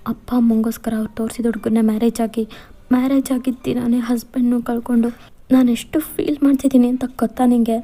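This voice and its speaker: A woman's voice: a little high, dark tone, lightly acted. A woman voicing a distressed young widowed woman who protests and wavers, in a fan fiction voiceover.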